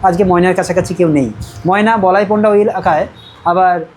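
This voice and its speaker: A woman's voice: on the low side, steady tone, fairly quick, a little mellow, a little hiss or hum, poor audio. A woman from Medinipur with a Medinipur Bengali accent, teaching a spoken English class. She explains step by step in a classroom and keeps checking in with her students. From Medinipur, West Bengal. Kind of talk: classroom lesson.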